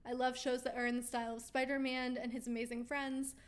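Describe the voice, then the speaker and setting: A chatty woman reads out viewer comments on her weekly live Q&A stream, her fairly high voice turning hoarse. She talks a little fast in a flat delivery, casual and upbeat, with frequent ums and easy laughs.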